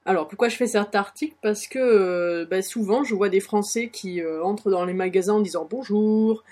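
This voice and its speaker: A woman's voice: medium pitch, a little fast, darkish tone. A woman with a French accent hosting a casual audio lesson, chatty and encouraging, with frequent hesitations. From France. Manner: chatty, many fillers, encouraging. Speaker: blog host teaching English phrases.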